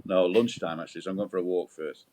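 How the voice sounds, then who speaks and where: A man's voice: sits low, fast talker, a little mellow. A man hosting a live stream in casual, chatty style. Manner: joking, teasing banter. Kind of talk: casual chat. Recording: internal microphone outdoors in wind.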